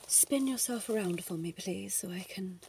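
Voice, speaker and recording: A woman's voice: medium pitch, moderate pace, gravelly, warm tone, a little hiss or hum, close to an everyday voice. Woman playing a flirty doctor, ASMR role-play right in the ear. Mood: coaxing, intimate. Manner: coy, playfully bossy. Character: flirty, teasing female doctor giving a check-up.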